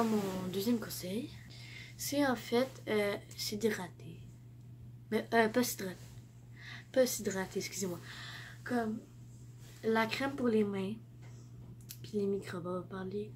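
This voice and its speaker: A teenage girl with a Québécois French accent, sick with the flu, gives rambling tips in a casual vlog. Her medium-pitched voice moves slowly with long pauses, and she self-corrects and often drops to a near-whisper. A slight hiss or hum is audible.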